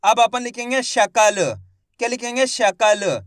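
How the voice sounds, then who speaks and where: High-voiced man teaching Hindi reading. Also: steady tone, unhurried, no room sound, clean studio sound. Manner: spells out words syllable by syllable, repeating each word; addresses viewers as friends, asks quiz questions. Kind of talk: step-by-step literacy lesson.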